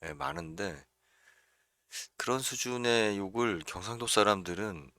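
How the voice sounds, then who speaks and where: Blunt, chatty man with bright voice. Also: fairly low pitch, measured pace, no echo, studio quality. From Chungcheong region, South Korea. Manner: chatty, blunt, frequent filler "예" and chuckles. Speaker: real estate livestream host. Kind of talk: casual livestream talk.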